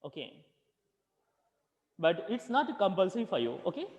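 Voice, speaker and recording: A male teacher, leading an online class, slowly repeating questions and calling on students by name. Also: high-pitched, sing-song, a little mellow, big-room sound, dull audio. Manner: slow, repeats questions and calls on students patiently.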